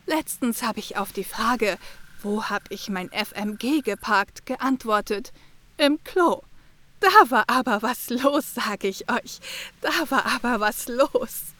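A woman's voice: a little high, expressive, fairly bright tone, dry recording, exaggerated voice. A woman voicing a smug, elderly, know-it-all fortune-teller in a fan radio play. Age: older. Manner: self-satisfied, slow and deliberate. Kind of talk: amateur radio play acting.

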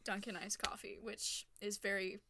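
A woman's voice: medium pitch, little pitch movement, moderate pace, a crowd in the background. A woman from New England, co-hosting a podcast in loose, chatty talk full of 'like'. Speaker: podcast co-host. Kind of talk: casual chat.

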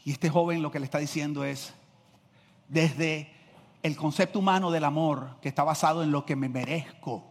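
Husky pastor preaching, voice sits high, long church hall reverb. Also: male voice, normal speed. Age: middle-aged. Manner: energetic, swings from shouting to quiet, acts out quotes. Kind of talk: sermon.

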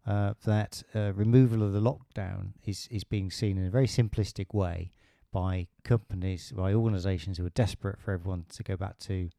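A man's voice: low-pitched, steady tone, fairly quick, gravelly, hardly any pauses, warm tone, no room sound, studio quality. A middle-aged British man talking in a casual podcast conversation, hesitant with many restarts and fillers. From Britain.

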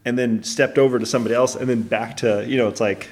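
A man's voice: medium pitch, fairly even intonation, fast. A young man co-hosting a podcast, talking in a casual, rambling way with many restarts. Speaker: podcast co-host. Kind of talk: casual chat.

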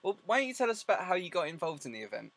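A man with a fairly high voice runs a casual interview. He puts questions in a chatty way, with dry, teasing humour. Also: sing-song, very fast, creaky, fairly bright tone. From Essex, England. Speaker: interviewer, host.

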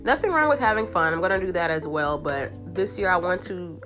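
Lady w a stuffy nose, congested n nasal, kinda low voice, chatty girl talk host, guitar music behind her. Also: brisk. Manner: animated, informal girlfriend talk with emphatic repetition. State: congested with a cold, stuffy pinched-nose sound. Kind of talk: casual chatty monologue to listeners.

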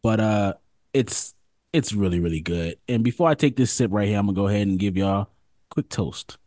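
A man co-hosting a casual podcast, animated and quick to hype and laugh. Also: fairly low pitch, dry recording. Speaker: podcast co-host.

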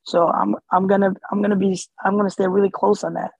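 A man's voice: high-pitched, little pitch movement, quick pace, gravelly, slightly rough, dry recording, lo-fi sound. A man born in Somalia and raised in the US, speaking as an interview guest in a casual, hesitant way with many fillers and restarts. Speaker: interview guest, community organizer.

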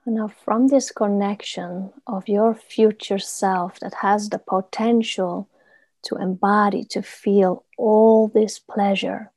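Female meditation guide, mellow and unhurried, soothing murmur as if during a massage, close dry sound. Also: medium pitch, steady tone, no room sound. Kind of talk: guided body meditation, soft instruction.

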